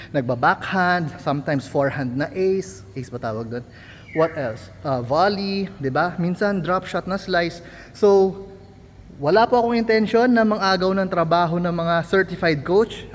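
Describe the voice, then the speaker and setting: Filipino guy, tennis coach vlogging, candid and apologetic, kinda high voice, echoey court sound. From Philippines. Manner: candid, apologetic, mixing English into Tagalog. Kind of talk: casual explanatory vlog. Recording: long hall reverb, faint ambient noise.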